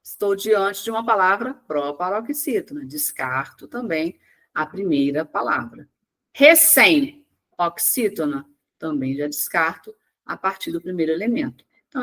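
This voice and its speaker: A woman teaching an exam-prep lesson online, working through questions word by word, asking and answering her own questions and stretching key words out slowly. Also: lowish voice, fairly bright tone. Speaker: Portuguese teacher.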